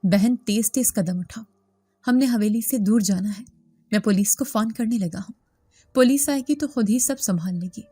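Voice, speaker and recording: Lady doing a steady gate guard guy, kind and calm, mellow voice, close and dry. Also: mid-range voice, husky, dry recording, faint music behind, lightly acted. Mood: urging. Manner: calm, reassuring instructions. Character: kind protective male gatekeeper, steady.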